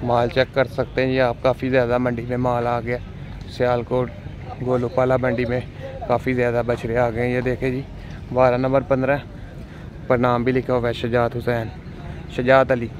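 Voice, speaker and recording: A man's voice: mid-range voice, normal speed, dull audio. A man walks through an outdoor cattle market and narrates for his video, repeating his praise of the animals over and over. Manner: flat, repetitive, keeps praising the animals. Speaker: vlogger touring a cattle market. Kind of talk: walking tour commentary. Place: outdoor livestock market under tents. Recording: outdoor noise behind voice.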